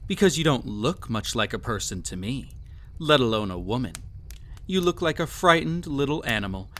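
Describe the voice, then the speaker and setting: A man plays a cruel, arrogant, possessive emperor in a scripted audio roleplay, delivering a villain monologue to the listener as a sneering interrogation. His highly animated mid-range voice is haughty, formal, and mocking, with deliberate theatrical phrasing that reveals a devious, condescending character. Some background noise is present.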